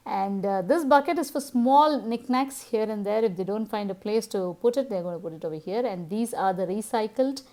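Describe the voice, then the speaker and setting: A woman's voice: mid-range voice, moderate pace, few pauses, darkish tone. Tamil-accented Indian woman vlogger. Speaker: home vlogger, host. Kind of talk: casual household vlog narration.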